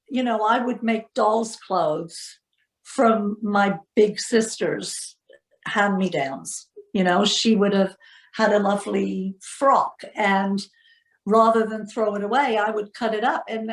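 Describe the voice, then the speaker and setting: In an interview, a textile doll artist from England's northeast reflects casually on her work, pausing thoughtfully to find her words. Her voice sits in the mid-range and carries a northern English accent, captured in a roomy, echoing space.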